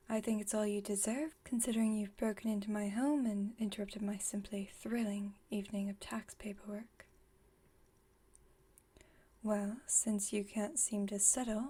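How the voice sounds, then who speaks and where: A woman with a mid-range voice performs an intimate ASMR roleplay monologue as an aloof, wry vampire friend with a secretly caring side. She is soft and breathy, dry and teasing, never rushed.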